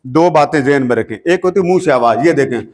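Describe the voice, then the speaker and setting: A man with a Pakistani Urdu accent teaching children to sing devotional naat in a school classroom. He sings slow, drawn-out lines, then explains quickly and coaxes the pupils. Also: a little high, animated, a little mellow. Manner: addresses children as a coaxing teacher. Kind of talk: teaching devotional chant with sung examples.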